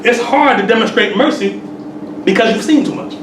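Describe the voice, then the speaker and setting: A man's voice: sits high, normal speed, distant mic. A man in his forties, a temple sheik, giving a conversational sermon with streetwise talk, peppered with "you know what I'm saying.". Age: 40s. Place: temple hall. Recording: echoey room, mic from afar, hissy.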